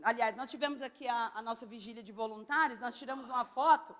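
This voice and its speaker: A woman preaching a sermon, loud and very expressive. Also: fairly high pitch, quick pace, in a large hall. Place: church.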